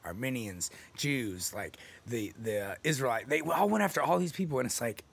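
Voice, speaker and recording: A man's voice: medium pitch, lively intonation, normal speed, gravelly, slightly rough. A man co-hosting a podcast in casual chat, rambling and laughing often as he jokes crudely. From Texas. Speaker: podcast co-host.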